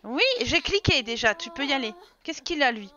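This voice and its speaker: A woman streamer gives casual live commentary on a life-simulation game, chatting with her characters and viewers and getting exasperated with them. Her voice is high-pitched, bright and forceful, expressive and at normal speed. The stream audio is slightly dull, with game music underneath.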